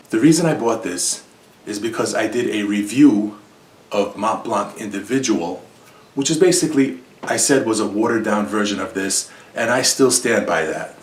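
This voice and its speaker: A man's voice: lowish voice, echoey room, distant mic, slight background noise. A man hosting a casual review vlog, talking in a conversational, opinionated way and repeating points for emphasis. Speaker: fragrance reviewer. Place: home in New Jersey.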